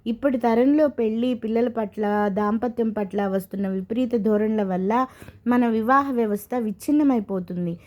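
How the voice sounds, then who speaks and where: A woman's voice: a little high, moderate pace, darkish tone. A woman reading a story aloud, in an earnest, emotional way.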